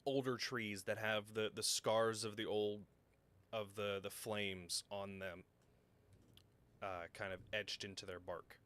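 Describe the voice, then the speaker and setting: A man runs a tabletop game with a low but bright, clear-edged voice. He narrates at an unhurried, deliberate pace. His descriptions are halting, full of fillers and mid-sentence corrections. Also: little pitch movement. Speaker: game master.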